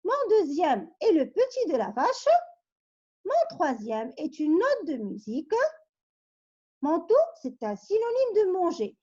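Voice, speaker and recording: A woman's voice: very high voice, sing-song, takes it slowly, dark tone, dull audio. A woman teacher reading word riddles to her pupils, patiently coaxing them with questions and hints. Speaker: primary school teacher.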